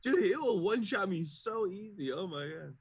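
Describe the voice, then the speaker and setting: A man's voice: high-pitched, lively intonation, moderate pace, husky. A man playing a tabletop role-playing game, chatting casually and acting out bits in character.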